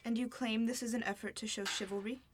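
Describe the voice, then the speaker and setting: A woman's voice: fairly high pitch, steady tone, fast talker, soft background music, close to an everyday voice. A woman voicing a proud, indignant young princess and new wife in a student radio drama. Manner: haughty, sharp-tongued.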